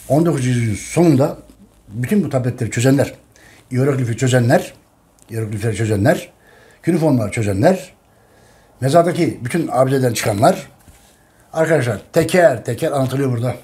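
A man speaking to his viewers in a fervent, repetitive monologue. His voice sits at an ordinary middle pitch, and he hammers each point home by saying it twice, pleading with his listeners. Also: darkish tone. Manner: emphatic, repeats phrases, calls listeners friends; urgent, pleading with viewers to share. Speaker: channel host presenting his history book.

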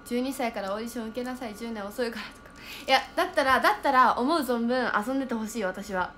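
A young woman chatting casually on a livestream, reading viewer comments aloud and thinking out loud as she reacts. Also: on the high side, fast, a little hiss or hum.

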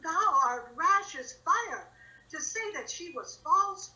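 Brief: a woman reading an outspoken loyal maid, bright and high, pitch swinging widely. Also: expressive, slow, heavily acted, poor audio. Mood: defiant. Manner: emphatic, impassioned verse delivery. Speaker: reader in an online play reading. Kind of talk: dramatic Shakespeare reading. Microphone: video call.

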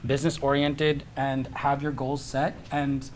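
A man's voice: medium pitch, level tone, unhurried, a little hiss or hum. A man sitting ringside in a gym, earnestly explaining his view of model training while searching for words. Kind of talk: casual sit-down interview.

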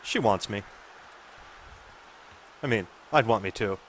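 A man's voice: lowish voice, slow pace, a little hiss or hum. A man in his forties casually commenting on gameplay with sarcastic, self-deprecating asides. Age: 40s. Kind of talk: casual let's-play commentary.

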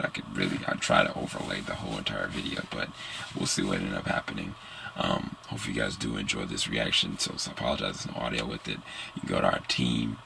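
A man in his thirties with a hoarse, congested voice, chatting casually to camera as a reaction video host. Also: a bass voice, bright, forceful tone, a little hiss or hum. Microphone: headset.

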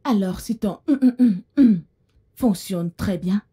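A woman's voice: medium pitch, measured pace, dark tone, breathy edge. A woman dubbing a pushy, scheming older mother-in-law in a film, with a coy, insinuating way of talking. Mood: prying. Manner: insinuating, coy about blunt topics. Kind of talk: French film dub.

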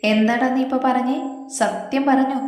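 A woman voicing an irritated young married man who scolds his younger brother in a gruff manner. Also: high-pitched, fairly even intonation, normal speed, a little mellow, lightly acted. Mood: scolding. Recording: very echoey room, long reverb.

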